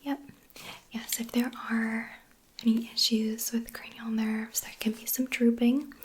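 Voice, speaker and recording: A woman doing a whispered role-play as a medical examiner, gently giving step-by-step instructions and reassurance in an ASMR style. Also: fairly high pitch, flat delivery, unhurried, slight background noise, low-quality recording.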